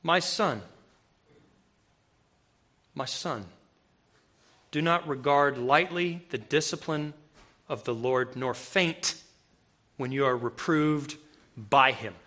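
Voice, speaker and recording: A man's voice: mid-range voice, slow, long pauses, pushed and bright. A man preaching a conversational sermon to a room of listeners, reading scripture and breaking into emphatic, raised outbursts. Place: room with a live audience.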